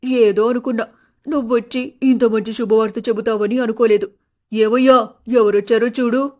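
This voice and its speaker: A woman voicing a fussy village mother in an animated storybook, doting and scolding in a slightly lowered voice. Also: moderate pace, lightly acted. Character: fussing village mother, quick to take sides.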